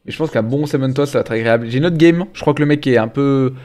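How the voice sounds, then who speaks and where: Young male streamer, casual game commentary, animated and teasing, mid-pitched voice. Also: fast talker. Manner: animated, exclaims often, teasing. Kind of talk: casual live gameplay commentary.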